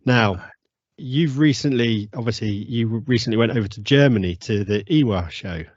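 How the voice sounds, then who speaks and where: A man hosting a podcast interview in casual chat, halting and repeating words as he goes. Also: mid-range voice, no room sound, lo-fi sound. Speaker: podcast host.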